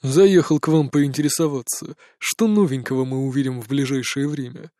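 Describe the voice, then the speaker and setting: A man reading an audiobook voices a stern middle-aged male chief of presidential security, slow, low and cold. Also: warm tone, dry recording, studio quality, close to an everyday voice. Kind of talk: audiobook character voice.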